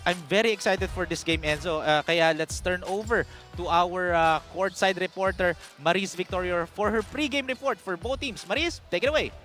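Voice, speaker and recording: A man's voice: high-pitched, normal speed, a bit bright. A man with a Filipino accent hosting an upbeat pregame show, with music behind him. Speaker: sports broadcast host.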